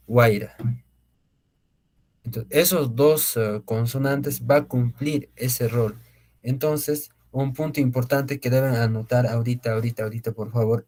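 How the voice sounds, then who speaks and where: A man teaching a beginner Quechua class online, explaining slowly with many fillers, repeated words and tag questions. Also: mid-range voice, mellow.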